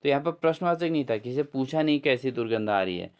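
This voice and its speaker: A man's voice: medium pitch, expressive, fast, clean tone. A man teaching an exam-prep grammar lesson, asking his own questions and answering them, with repeated friendly address to viewers. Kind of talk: lesson explaining quiz answers.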